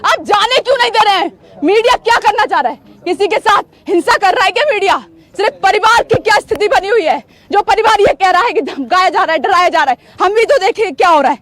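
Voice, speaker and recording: A woman's voice: very high-pitched, expressive, fast, fairly bright tone, no room sound. A woman field reporter giving a live news report outdoors, insistent and emotional, repeating her demands. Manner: emotional, voice breaking at times. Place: outdoors at a police barricade.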